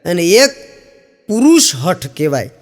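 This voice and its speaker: A man's voice: big pitch swings, unhurried. A man doing stand-up, telling jokes as stories and acting out the people in them. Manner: storytelling, acting out quoted characters with raised pitch. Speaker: stand-up comedian. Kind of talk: Gujarati joke telling to an audience. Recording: long hall reverb.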